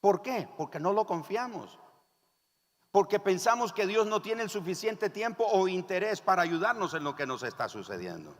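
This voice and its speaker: A male pastor with a Nicaraguan accent preaching a sermon, telling stories in an animated way and leading the congregation in repeating phrases. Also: high-pitched, normal speed. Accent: Nicaraguan Spanish. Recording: reverberant church hall.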